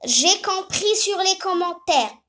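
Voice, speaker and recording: A child playing teacher, patiently explaining how to write a letter and often pausing to think mid-sentence. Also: very high-pitched, expressive, pushed and bright. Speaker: pretend teacher. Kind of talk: playful home lesson on writing letters.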